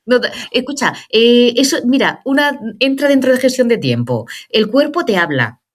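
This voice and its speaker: A woman's voice: a little high, moderate pace. Chatty woman in her forties. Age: 40s. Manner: lively, chatty, often checks in with "¿vale?". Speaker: psychologist guest. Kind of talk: casual podcast interview.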